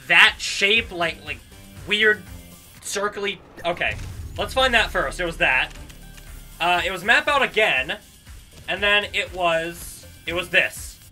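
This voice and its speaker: A young adult man doing excited video game commentary as a streamer, exclamatory and jokey, talking in casual slang. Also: sits high.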